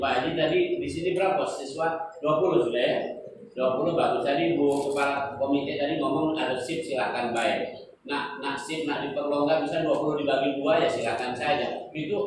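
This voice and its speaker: A middle-aged man with a Palembang accent giving a joking seminar talk to parents and quizzing the audience. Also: a little high. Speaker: guest speaker. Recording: very echoey hall, far from the mic, noisy.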